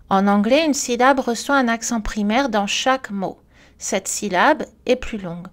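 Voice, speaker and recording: A woman reading a scripted French pronunciation lesson, speaking carefully and clearly and slowing down for example words. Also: medium pitch. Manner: careful, clearly articulated delivery with slow model words.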